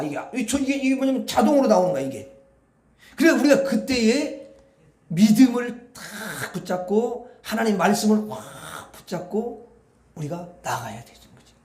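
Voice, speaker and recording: A man's voice: high-pitched, darkish tone, roomy sound. A man preaching a Friday night prayer sermon, asking the congregation questions as he goes. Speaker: pastor. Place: church hall.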